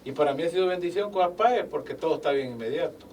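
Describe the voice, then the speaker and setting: With a fairly high voice and a fast delivery, an older business owner shares his life story during a casual interview. He's animated and faith-filled, acting out quoted dialogue, and the recording comes from a distant mic with faint background noise.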